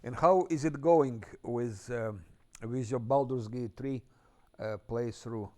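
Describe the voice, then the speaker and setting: Slow-talking male streamer chatting casually. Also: medium pitch, warm tone. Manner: unhurried, thinking aloud, chuckles often. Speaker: game streamer. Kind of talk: casual live-stream chat while playing.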